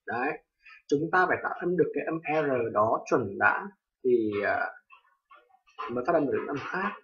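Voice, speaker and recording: A young man from Vietnam with a Vietnamese accent, casually teaching English pronunciation, hesitant with many fillers and loudly repeating example words. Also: medium pitch, creaky. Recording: distant lo-fi home recording.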